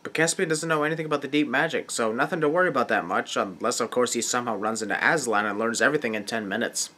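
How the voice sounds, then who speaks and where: A man giving sarcastic scripted commentary, nitpicking with mocking, deadpan asides. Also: medium pitch, fast. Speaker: host of a film nitpicking video. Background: film soundtrack music.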